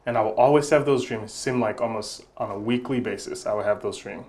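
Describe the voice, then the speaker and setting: The guest, a young adult nonprofit founder from Congo, reflects earnestly on interview questions, repeating words often as he gropes for the next idea. His fairly low, slightly mellow voice comes out fast.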